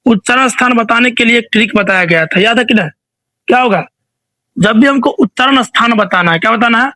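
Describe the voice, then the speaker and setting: A man's voice: very high voice, a little fast, pushed and bright, no echo, poor audio. A male teacher running an online revision quiz, asking each question again and again and prompting students to answer.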